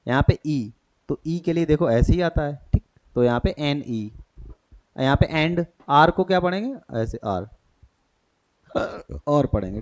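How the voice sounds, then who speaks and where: A man's voice: a little high, darkish tone. A man teaching an exam-prep grammar lesson, often quizzing his students and checking they follow. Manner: questioning, repeats checks like "thik hai".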